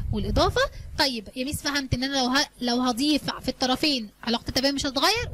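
A woman math teacher with an Egyptian Arabic accent, talking at a very quick clip in a high voice. She leads her pupils through the lesson in a coaxing, colloquial way, posing questions and answering them herself. Faint noise sits under her voice. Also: pushed and bright. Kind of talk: explaining a lesson to students.

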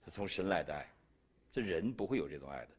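Speaking fast in a husky voice, a middle-aged Beijing-accented man from China preaches his testimony during a sermon. He's an animated storyteller who acts out the conversations, leaping in pitch and volume.

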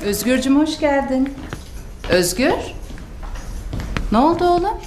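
A scornful, protective mother in a soap opera. Her middle-aged woman's voice is high and commanding, with a sarcastic edge. The room echoes and a loud music score runs underneath. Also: very animated, a little slow. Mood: worried. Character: stern, protective, scornful upper-class mother. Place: indoors, living room.

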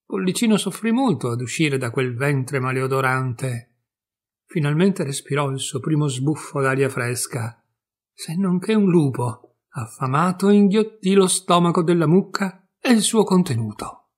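A man reading a fairy tale aloud with expressive storytelling. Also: on the high side, unhurried, husky.

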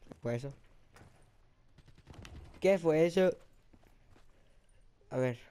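A man with a put-on Spain Spanish accent, giving excitable, self-mocking live commentary over his own gameplay. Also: on the high side, a little hiss or hum. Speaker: gaming channel host.

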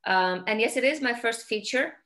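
A middle-aged woman from Iceland with an Icelandic accent, a film director, chats over a video call from a home room lit by large windows. Her voice is on the high side with lively intonation, normal speed, and a fairly bright tone. She pauses to search for words and often repeats them thoughtfully.

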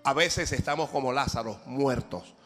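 A man preaching a sermon as pastor, moving from hushed prayer to shouted exhortation. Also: mid-range voice, normal speed, faint music behind.

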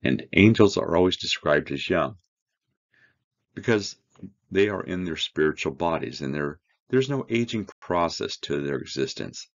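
Man, Bible teacher, very deep gravelly voice, lively intonation, dull lo-fi recording. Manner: reads scripture then explains it, slow earnest emphasis. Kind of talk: verse-by-verse Bible study.

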